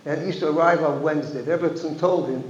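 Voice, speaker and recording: High-voiced rabbi telling a story in an echoey hall. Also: male voice, fairly even intonation, quick pace. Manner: anecdotal, with frequent restarts and Yiddish phrases. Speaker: rabbi, guest speaker. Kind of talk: storytelling talk at a community gathering. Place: synagogue hall. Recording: echoey hall, dull lo-fi sound.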